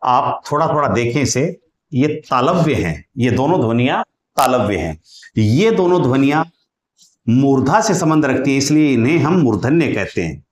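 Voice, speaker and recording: A man teaching a lesson on Hindi consonants, asking questions and repeating sounds slowly for his students. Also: medium pitch, big pitch swings, roomy sound. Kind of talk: explanatory grammar lesson.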